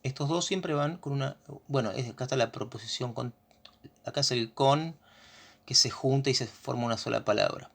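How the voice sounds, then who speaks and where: A patient teacher with an Argentine accent works through a grammar lesson. The speaker keeps stopping to check that the class is following with quick questions, at a middle pitch. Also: gravelly.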